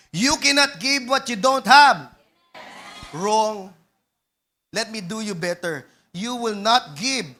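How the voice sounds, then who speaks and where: A man's voice: sits high, pushed and bright. A man with a Filipino accent preaching a sermon in a call-and-response manner, mixing Tagalog and English. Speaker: pastor.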